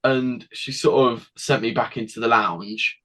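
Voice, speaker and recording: A teenage boy, a guest telling his story in a rambling, halting way with frequent restarts. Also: mid-range voice, fairly even intonation, bright, forceful tone, low-quality recording. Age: teens. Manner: rambling, halting, with many restarts and acted quotes. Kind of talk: casual interview storytelling.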